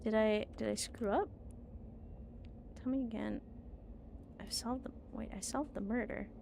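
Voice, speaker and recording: A woman's voice: a little high, fairly even intonation, a little slow. A woman streaming a game, chatting casually as she plays and reads along. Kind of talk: casual game playthrough chat with read-aloud. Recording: clear background noise.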